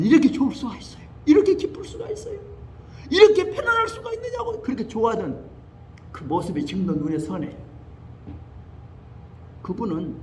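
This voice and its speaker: High, lively older male preacher. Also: a little hiss or hum. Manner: animated storytelling, acting out quoted voices. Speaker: pastor. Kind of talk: sermon. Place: church sanctuary.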